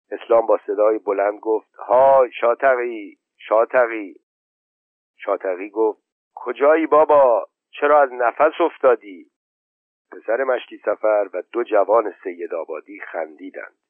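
Low-voiced male audiobook narrator. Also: no echo. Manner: steady, measured reading. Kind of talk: scripted story narration. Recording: dry tinny phone-like audio.

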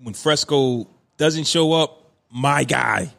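A man's voice: mid-range voice, slow, gravelly, a bit bright. A man in his thirties hosting a podcast in casual, slangy, playful talk with hype greetings. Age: 30s. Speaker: podcast host. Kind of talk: casual chat.

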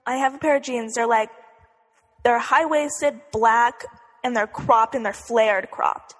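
Young woman, higher-pitched, bubbly sorority-girl chatter as a casual co-host, recorded with long echoey reverb. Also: a little slow. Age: young adult. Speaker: podcast co-host. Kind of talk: casual chat.

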